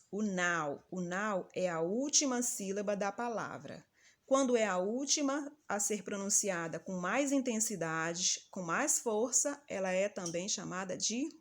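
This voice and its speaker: A woman teacher giving a patient, didactic lesson and calling out example words slowly and loudly. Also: mid-range voice. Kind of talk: recorded grammar lesson for children.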